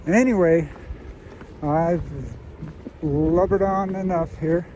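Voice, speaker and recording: A man vlogging from a mountain trail while ill and weak, speaking haltingly with many fillers. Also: sits high, fairly even intonation, mellow, slight background noise, poor audio. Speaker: hiking vlogger. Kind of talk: casual trail vlog talk to camera.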